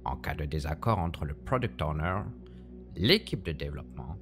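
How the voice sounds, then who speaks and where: A woman's voice: rumbling low, lively intonation, normal speed, faint music behind. A woman presenting a scripted, playful explainer in a theatrical, teacherly manner. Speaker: podcast presenter.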